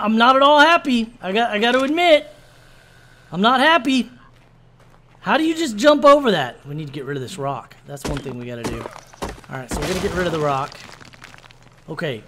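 A man's voice: high voice, a little fast, long pauses, a little hiss or hum. Male game host who mock-rants through his play, with a bouncy, wide-ranging delivery. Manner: animated, exasperated mock-ranting. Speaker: gaming channel host. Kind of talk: let's-play commentary.

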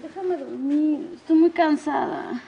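A woman's voice: very high voice, sing-song, moderate pace, lo-fi sound, heavily acted. A young woman, playing an impatient girl in a hurry in a telenovela. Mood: hurried. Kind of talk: telenovela acting.

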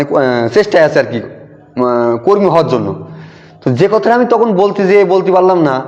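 Man, testimony storytelling, emphatic repetition, somewhat high voice, dull sound, long hall reverb. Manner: animated retelling, quotes dialogue with emphatic repetition. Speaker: devotee sharing a testimony.

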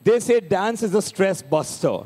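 A man's voice: sits high, expressive, measured pace, dark tone. A man hosting a live dance event, calling out to the crowd and asking questions. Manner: hypes the crowd, calls for cheers. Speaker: event emcee. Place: indoor dance event venue.

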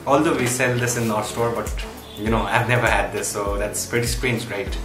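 A man's voice: lowish voice, steady tone, normal speed, echoey room, music in the background, low-quality recording. A young man from India chatting casually in a vlog, switching between English and Hindi, recorded in a small home room and kitchen. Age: young adult. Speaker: vlogger.

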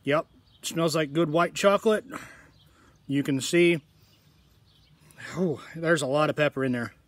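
A man talking casually to his viewers in a tasting vlog, rambling in a relaxed way. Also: fairly high pitch, a little slow, no room sound. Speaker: food reviewer.

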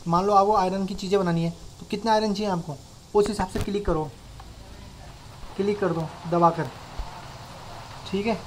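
A man's voice: sits high, fairly even intonation, moderate pace, long pauses, a little hiss or hum. A young man casually narrating his own gameplay as host of a gaming channel, talking informally and directly to his viewers like friends. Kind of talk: casual Minecraft tutorial voice-over.

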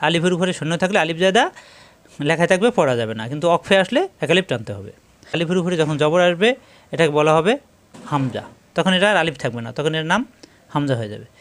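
A man's voice: on the high side, fairly bright tone. A man teaching a Quran recitation lesson, explaining each rule step by step and repeating key points patiently while he demonstrates the sounds.

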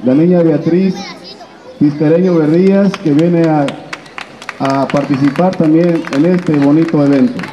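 A man's voice: fairly high pitch, steady tone, a little slow, warm tone, highs cut off, slight background noise. A middle-aged man with a Mexican accent announcing acts at a community festival over an outdoor PA. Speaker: event presenter. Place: outdoor stage in a town plaza. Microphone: handheld microphone. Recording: echoey outdoor PA with crowd.

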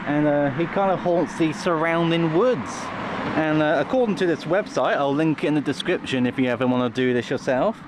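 Walking through village roads, a man hosts a casual vlog in a fairly high, brisk voice with dry, tongue-in-cheek humor. The recording picks up outdoor street noise and passing vehicles.

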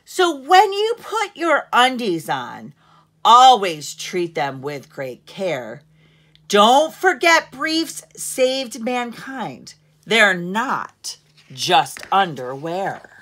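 A bright, animated middle-aged woman with a medium-pitched voice reads aloud from an armchair at home. She's a teacher giving children an expressive picture-book reading, with deliberate storyteller phrasing and strong emphasis.

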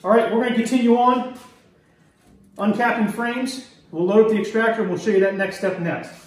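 Middle-aged man, fairly high voice, relaxed how-to demo; echoey workroom, mic a few feet off. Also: far from the mic. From Maryland, US. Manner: relaxed, explanatory, pauses while working. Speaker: beekeeper demonstrating honey harvest. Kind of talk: hands-on how-to demonstration. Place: indoor workroom, hard surfaces. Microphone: camera mic from a few feet away.

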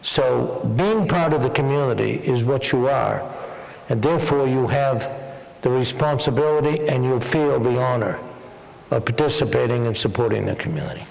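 Gravelly man telling wry stories. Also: mid-range voice, normal speed. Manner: wry, joking storyteller. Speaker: honored guest. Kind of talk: onstage interview at a dinner. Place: large banquet hall. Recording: echoey banquet hall.

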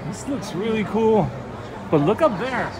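Strolling through an outdoor theme park, a middle-aged man chats enthusiastically to a handheld camera held at arm's length for his walking-tour vlog. He speaks in a high, expressive voice at an unhurried pace, while loud music and the crowd make the phone recording noisy.

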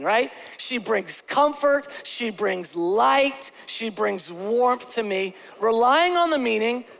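His pitch extremely high and his tone a bit bright, a forties-aged pastor preaches to a crowd from a large church stage. He slips in jokes, frequently asks "okay?", and slows down on the key words.

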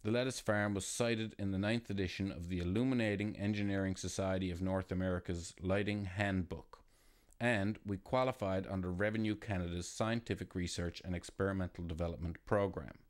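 A man reading a scripted, formal narration in a measured way. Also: sits low, steady tone.

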